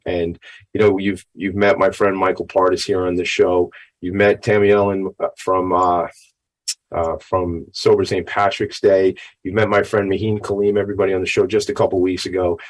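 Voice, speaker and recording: This is a middle-aged man with a gravelly, fairly low voice. He sounds a little tired, and he talks like a chatty, folksy show host delivering an informal opening monologue. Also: rough recording. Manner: folksy, chatty, self-branding patter. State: a little tired after a late night.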